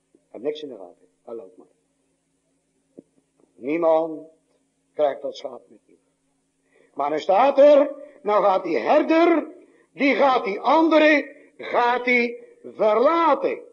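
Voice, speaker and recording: Older Dutch pastor preaching dramatically. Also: male voice, breathy edge, muffled recording. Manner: dramatic preaching, swinging between loud high cries and low hushed lines. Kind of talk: sermon.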